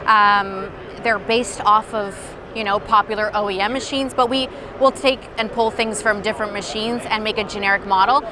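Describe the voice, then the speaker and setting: A woman's voice: medium pitch, steady tone, moderate pace, hardly any pauses. A woman company representative explaining a product conversationally in a demo at a trade show. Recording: busy outdoor trade-show crowd noise.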